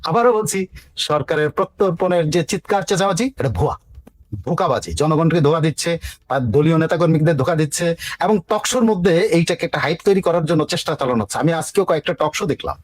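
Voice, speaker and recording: A man's voice: a little high, quick pace. A man giving political commentary on a talk show, insistent, hammering key words through repetition and mixing in English words. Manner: mixes English words into speech.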